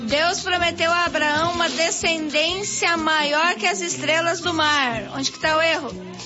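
A woman co-host reads out quiz questions slowly, in a very high voice. The sound is dull and lo-fi, with loud music behind. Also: steady tone. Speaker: radio co-host.

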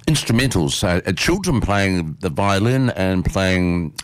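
On community radio, a man chats folksily with a studio guest, rambling casually through the interview. His voice sits low and sing-song at a measured pace. A close studio mic gives clean audio with no echo.

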